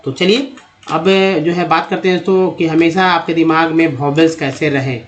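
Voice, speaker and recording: A man teaching English reading and phonics, slowly sounding out words and vowels and repeating them for viewers. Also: fairly high pitch, steady tone. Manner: slow, drawn-out spelling and sounding of words. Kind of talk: Hindi-language phonics lesson.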